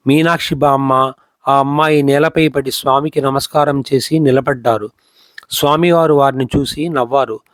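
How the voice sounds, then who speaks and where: A man narrating a devotional story in a steady storytelling manner. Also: on the high side, no echo.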